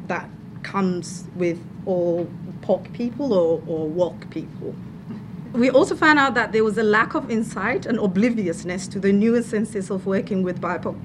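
A woman's voice: medium pitch, background noise. A woman from Somalia giving a panel talk at a conference, speaking with many fillers and restarts.

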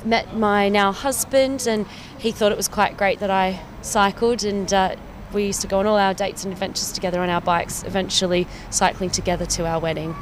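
A woman's voice: mid-range voice, little pitch movement, a little fast, a little hiss or hum. Chatty Australian woman, enthusiastic. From Perth, Western Australia. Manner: enthusiastic and chatty, with small laughs. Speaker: cycling campaign officer. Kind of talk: casual personal account to camera.

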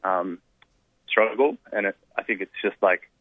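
A man speaking as a guest on a radio interview, rambling in a laid-back way with lots of "like" and "um". His voice sits a little low. It comes through a thin, phone-like line with a dry sound. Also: measured pace, no room sound. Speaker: guest cartoonist. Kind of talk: casual interview.

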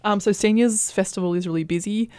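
A woman's voice: mid-range voice, quick pace, a little mellow, clean tone, dry recording. A woman explaining her work as a housing support worker in a casual, slightly tentative studio interview. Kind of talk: casual radio interview talk. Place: radio studio.

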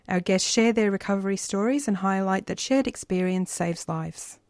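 A woman's voice: medium pitch, darkish tone, no echo. A woman hosting a community radio show, reading a scripted welcome and then chatting easily with her guest. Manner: friendly, scripted intro then easy chat. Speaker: radio host.

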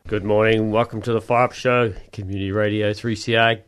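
A man's voice: fairly low pitch, little pitch movement, a little fast, clean tone. A man with an Australian accent hosting casual radio chat in a laconic, matey way. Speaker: radio show host. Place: community radio studio.

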